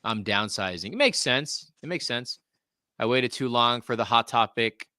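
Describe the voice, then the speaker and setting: This is a man in his forties hosting a casual live-streamed podcast about collectibles. His voice is bright and forceful, and he jokes easily while reading viewer comments aloud. The sound is dry and close to the mic. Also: mid-range voice, expressive, moderate pace, clear, resonant tone, no room sound. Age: 40s. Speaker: podcast host.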